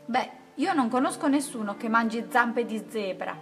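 A hurt storybook zebra cries out high and loud, then lectures indignantly, as a woman voices her. Faint music sits under the reading. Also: animated, moderate pace.

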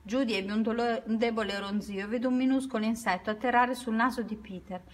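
A woman reading a children's story aloud at an unhurried pace, now and then correcting herself. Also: fairly high pitch, steady tone.

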